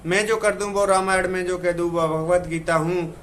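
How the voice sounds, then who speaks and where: A man's voice: high voice, fairly even intonation, normal speed, a bit bright, a little hiss or hum. A man reciting as stern god Kalki. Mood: proclaiming. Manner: solemn proclaiming recitation. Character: mighty god Kalki, stern all-powerful male deity. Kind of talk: recited devotional poem.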